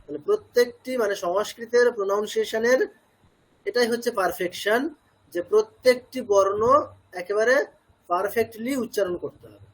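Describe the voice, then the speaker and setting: A man with a Bengali accent teaches a pronunciation class, talking it through step by step and often turning questions back to his listeners. His voice sits high for a man and has a breathy, husky edge. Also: low-quality recording. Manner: explains slowly, asks the class questions, mixes in English words. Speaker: Sanskrit chanting teacher. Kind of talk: classroom lecture.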